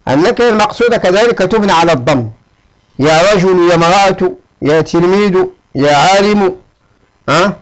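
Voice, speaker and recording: A man's voice: sits high, animated, moderate pace, rough recording. A man teaching a grammar lesson. He repeats his examples and checks on his listeners with a short "ha?" as he explains.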